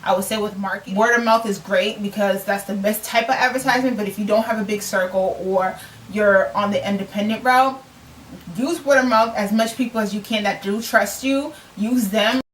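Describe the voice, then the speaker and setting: A woman's voice: mid-range voice, normal speed, slight background noise. Earnest young woman, slightly distant mic. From United States. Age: 20s. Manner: earnest, reflective, repeats phrases for emphasis. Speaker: self-published author. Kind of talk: casual vlog talk.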